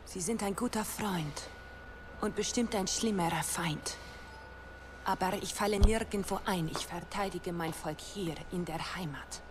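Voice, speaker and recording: A woman's voice: mid-range voice, measured pace, noisy background, lightly acted. An actress in a German video game dub playing a steely, guarded young female militia leader, earnest and firm. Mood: guarded, resolute. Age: young adult. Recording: music behind the voice.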